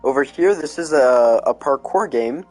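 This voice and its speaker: A drowsy man talks through a game-world tour in loose, rambling commentary, his sentences stuffed with "like" and "um". His voice sits at an ordinary middle pitch, and soft music plays faintly behind him. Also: lively intonation, moderate pace, rough recording. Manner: rambling, heavy on fillers like "like" and "um". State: sleepy, yawning. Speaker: video game creator touring his build. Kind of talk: casual gameplay commentary.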